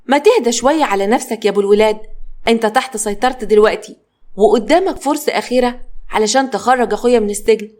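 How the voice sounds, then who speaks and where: A woman's voice: fairly high pitch, very fast, a little mellow, natural voice. Woman reading as Antar, a taunting gangster. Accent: Egyptian Arabic. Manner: mocking, threatening. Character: menacing male gangster taunting on the phone.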